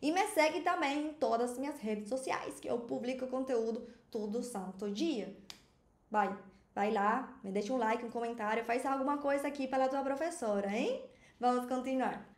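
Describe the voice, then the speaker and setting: A woman teaching Spanish pronunciation in a chatty, animated way, often checking in with the learner. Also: on the high side, moderate pace, reverberant. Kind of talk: video language lesson.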